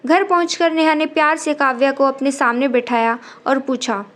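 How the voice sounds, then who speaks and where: A woman narrates a scripted story in a steady, measured reading voice. Her pitch sits high. She tells it plainly, without much show.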